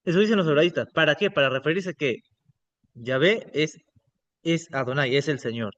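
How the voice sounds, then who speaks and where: Man, pastor, slightly high voice, online lecture, explanatory, frequent check-ins. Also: normal speed, a bit bright, highs cut off. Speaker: pastor teaching biblical Hebrew.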